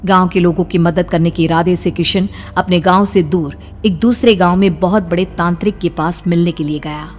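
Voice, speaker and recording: A woman's voice: lowish voice, fairly even intonation, moderate pace, few pauses. A woman narrator reading a scripted horror story in a dramatic style.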